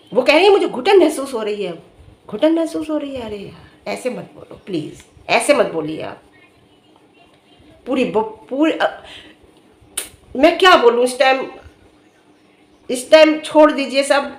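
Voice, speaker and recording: A middle-aged woman speaks straight to her viewers in a high voice. She lectures earnestly about family duty, scolding and firing off rhetorical questions. The room around her sounds roomy and echoey. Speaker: vlogger commenting on another family's dispute. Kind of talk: direct-to-camera opinion commentary.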